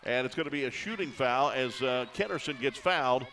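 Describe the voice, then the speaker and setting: A man's voice: medium pitch, animated, brisk, pushed and bright, a faint crowd, low-quality recording. A man giving live play-by-play commentary on a college basketball game, folksy and conversational, with frequent "uh" fillers. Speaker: play-by-play announcer.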